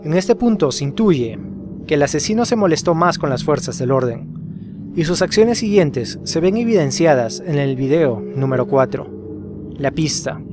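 With music behind him, the narrator of a horror explainer video tells a scripted case in an expressive, higher-pitched voice at a moderate pace. He addresses rhetorical questions to the listener as he goes.

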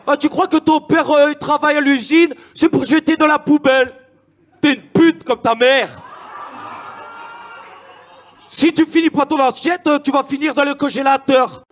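A man playing an angry working-class father who shouts with a put-on ch'ti accent from the north of France. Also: very high-pitched, fairly even intonation, normal speed, pauses often, a faint crowd, voice pushed up. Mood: enraged. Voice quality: shouting, coarse.

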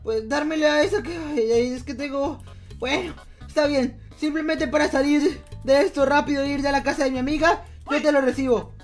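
High-voiced man hamming up a roleplay. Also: fairly even intonation, moderate pace. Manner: exaggerated, dramatic, groaning and exclaiming. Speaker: Minecraft roleplay host. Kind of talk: playful game roleplay narration. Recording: music playing behind. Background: game music.

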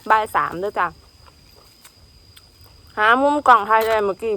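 A woman's voice: fairly high pitch, normal speed, pushed and bright, slight background noise. A young woman with an Isan Thai accent, chatting casually while she eats outdoors in the afternoon, mixing Central Thai with Isan words. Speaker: food vlogger. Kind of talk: casual eating vlog chat.

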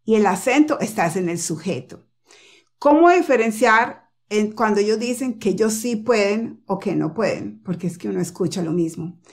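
A woman's voice: medium pitch, normal speed. Spanish-speaking woman teaching English pronunciation. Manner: animated, repeats example phrases; tag questions, jumps for stress. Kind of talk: casual spoken lesson.

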